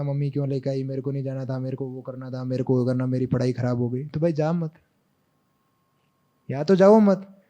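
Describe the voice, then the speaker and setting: A man's voice: on the high side, warm tone. A young man from Rajasthan, an exam topper, giving earnest motivational advice to students in a hall, repeating his points in short lists. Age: young adult.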